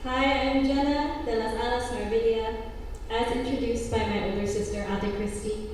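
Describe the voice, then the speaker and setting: Woman, spoken word poet, mellow higher voice, deliberate recitation, roomy echo. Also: fairly even intonation, a little hiss or hum. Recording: echoey hall from far off.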